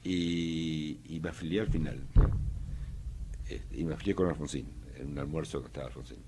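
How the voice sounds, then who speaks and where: Speaking at normal speed in an extremely low voice, an older man from Argentina, an economist with an Argentine Spanish accent, responds to casual interview questions haltingly, using many fillers and restarting often. The background is noisy.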